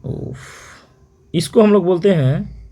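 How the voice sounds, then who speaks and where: A man teaching an exam-prep geography lesson, repeating terms and quizzing listeners with quick questions. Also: high-pitched, mellow. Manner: repetitive question-and-answer drilling, frequent "theek hai".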